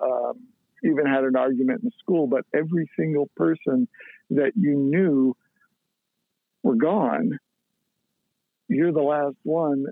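A man's voice: mid-range voice, gravelly, dry recording. A man co-hosting a casual podcast, explaining things at length in a thoughtful way with many fillers. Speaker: podcast co-host. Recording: tinny phone-like line.

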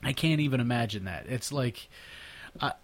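A man's voice: medium pitch, normal speed. A man hosting a casual podcast, rambling and laughing often, often stumbling and repeating words as he talks. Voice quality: natural mimic who slips into others' accents. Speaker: podcast host. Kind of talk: casual chat.

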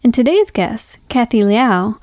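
A woman podcast host with a fairly high but mellow voice, recorded dry and close. She reads scripted narration at a measured, reflective pace. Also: animated, no room sound.

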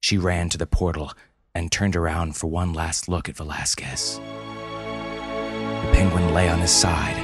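A man reading a scripted fantasy story aloud in a dramatic, measured way. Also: sits low.

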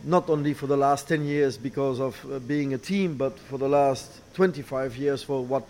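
A middle-aged man, not a native English speaker, answering interview questions haltingly, searching for words and repeating phrases. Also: medium pitch, darkish tone. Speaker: racing team boss, former driver. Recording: clear background noise, ambient sound.

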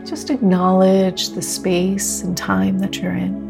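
A woman leading a guided meditation like a sleep story narrator, speaking gently and slowly with long pauses. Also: medium pitch, monotone, creaky. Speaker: meditation teacher leading a group practice. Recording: new-age music under the voice. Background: soft new-age music.

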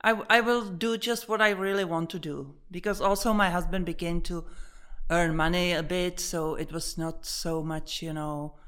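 A woman's voice: fairly low pitch, fairly even intonation, normal speed, fairly bright tone, smooth. A woman painter from the Czech Republic, a native Czech speaker, talking in English in a casual interview in her studio, hesitant, with frequent restarts and small laughs.

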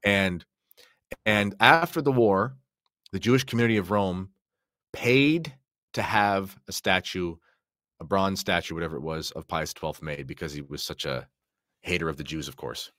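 Recorded at studio quality with no room sound, a podcast co-host with a low, fairly bright voice chats and tells stories. His delivery is casual, informal and a bit hesitant, at a moderate pace.

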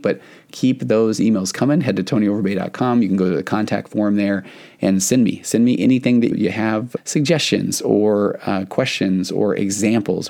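Middle-aged male therapist host, low mellow voice, earnest and rambling, solo podcast talk. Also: gravelly. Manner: rambling, earnest, many restarts.

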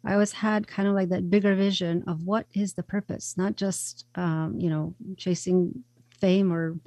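A woman's voice: lowish voice, fairly even intonation, normal speed, dark tone, no room sound. A woman from Croatia, a radio interview guest, telling her story in an earnest, reflective way with many fillers and restarts.

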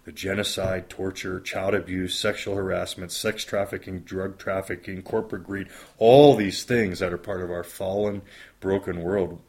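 A pastor in his fifties talks in an earnest, reflective way during an interview, stacking up lists to make his points. His voice sits very low and has a husky, breathy edge. He keeps a thoughtful, steady delivery throughout. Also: moderate pace. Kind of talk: interview conversation.

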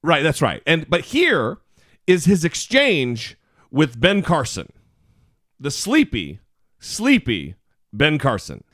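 A man's voice: on the high side, wildly swooping pitch, slow, long pauses, a bit bright, no echo, clean studio sound. A man hosting a podcast with casual comedic talk and brash, teasing delivery. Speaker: podcast host.

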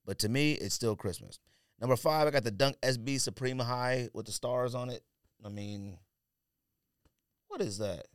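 A podcast co-host with a smooth, mid-range voice talks about his picks in a slangy, offhand way, keeping a moderate pace and pausing often. The banter is casual, covering sneakers and sports. It's studio-quality audio with no echo.

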